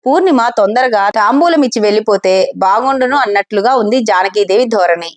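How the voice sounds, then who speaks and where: A woman's voice: medium pitch, animated, brisk, no room sound. A woman storyteller reading an audio novel, addressing her listeners directly and politely. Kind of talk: scripted audio story narration.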